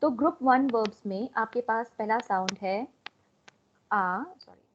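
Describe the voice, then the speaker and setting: A woman's voice: on the high side, a little slow, slight background noise. A young woman with an Indian accent teaching an online language class, mixing Hindi and English and coaxing students to answer. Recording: dull lo-fi online call audio.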